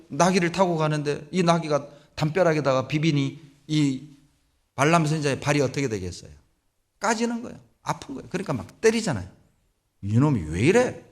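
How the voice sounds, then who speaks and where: A middle-aged male pastor preaching a sermon in a church, telling Bible stories with animated delivery. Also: on the high side. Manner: animated storytelling, acts out biblical voices. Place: church sanctuary.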